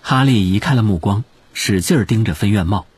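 A man narrating an audiobook in an expressive storytelling manner. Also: on the low side, brisk, slightly rough, no echo.

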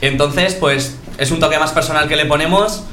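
A man's voice: on the high side, normal speed, sharp tone, slight background noise. A young man, a band member, answering casually in a radio interview. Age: young adult.

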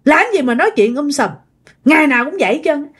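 A woman's voice: sits high, animated, fast talker, fairly bright tone, voice pushed up. A woman voicing an angry young female ghost who scolds shrilly. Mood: angry scolding.

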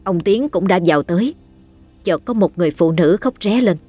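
A narrator telling a ghost story in a steady, scripted way. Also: mid-range voice, fairly quick, dry recording, faint music behind.

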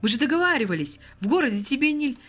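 A woman's voice: high voice, very animated, racing, fairly bright tone, soft background music, voice pushed up, exaggerated voice. A woman voicing a glum, put-upon young man. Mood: protesting. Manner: groaning, glum. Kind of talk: audiobook character reading.

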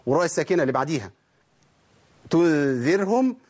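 A quick, slightly high-voiced man with an Egyptian accent leads a Quran recitation lesson. He keeps asking himself questions aloud and answering them at once, moving briskly from one point to the next. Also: lively intonation, slightly rough. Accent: Egyptian Arabic. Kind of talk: spoken tajweed lesson.

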